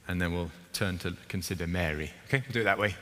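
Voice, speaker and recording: A man's voice: low voice, fast talker, bright, forceful tone, in a large hall. A man preaching a sermon in a church, in a conversational way that asks the congregation questions.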